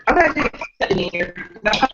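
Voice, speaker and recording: A young woman talks casually over a failing video call. Her voice comes through choppy and breaking up. The sound is dull and lo-fi, with a clear steady noise behind her. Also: on the high side, fast talker. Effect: choppy, breaking-up internet call audio. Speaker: student in a group call. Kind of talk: casual chat.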